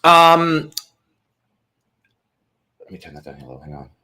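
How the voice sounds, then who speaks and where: A man's voice: on the high side, unhurried, a little hiss or hum. A man co-hosting a live stream in casual chat, talking with many fillers. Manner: chatty, lively intonation, many fillers.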